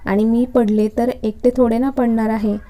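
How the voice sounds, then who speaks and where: Woman reading as a cheeky teasing young student girl, dark mellow tone, even delivery, storybook reading. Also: fairly high pitch, moderate pace, natural voice.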